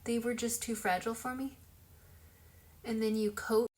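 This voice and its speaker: A woman's voice: fairly high pitch, flat delivery, moderate pace. A young woman chatting casually while showing a makeup routine at home, talking as she works and poking fun at herself. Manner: chatty, self-deprecating, talks while working. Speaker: makeup vlogger. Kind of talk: casual tutorial chat.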